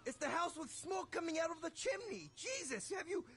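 A shrill little pop-up creature, whines and nags without letup, loud and abrasive as a game character. His voice sits up in a piercing squeak. He keeps badgering, often breaking into a yell. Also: sing-song, fairly quick, a little hiss or hum, full character voice. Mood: whiny. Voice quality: high squeaky whiny voice. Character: whiny pushy male pop-up creature, rule-obsessed nag.

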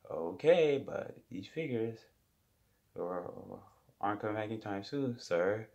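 A man's voice: lowish voice, animated, a little slow, a little mellow, muffled recording. A man voicing a polite, apologetic female shopkeeper in his own barely changed voice.

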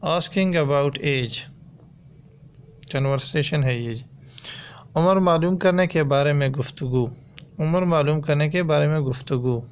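A man teaching a language lesson, slowly repeating each word and phrase as he drills it. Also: a little high, lo-fi sound. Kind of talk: slow, repetitive language lesson. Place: voice-over on a slide video.

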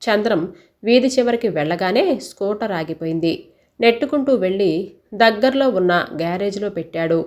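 Lady reading a story out loud, steady, mid-pitched. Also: a little fast.

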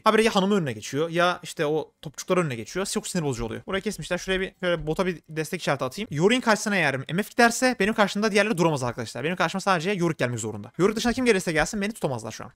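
A man's voice: high-pitched, a bit bright, no room sound, clean studio sound. A male gaming streamer giving chatty live gameplay commentary, thinking aloud and flaring up in frustration.

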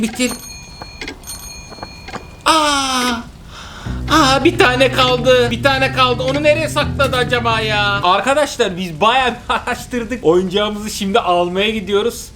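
A young father hosting a casual let's-play, reacting with dramatic exclamations and teasing. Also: extremely high pitch. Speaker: father and gaming channel host. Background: background music.

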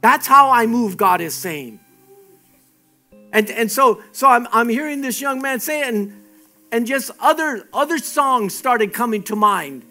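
A man's voice: extremely high pitch, lively intonation, measured pace, pushed and bright, faint music behind. A man preaching a sermon as pastor, emphatic and exhorting, often repeating his phrases.

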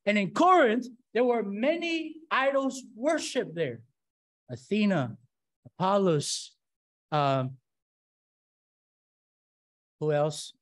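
A man's voice: sits high, animated, takes it slowly, pauses often. A middle-aged man teaching a Bible study from a church lectern, talking in a conversational way and often checking in with "right?" and rhetorical questions. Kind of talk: classroom-style sermon with fill-in-the-blank slides. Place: church room, standing at a lectern.

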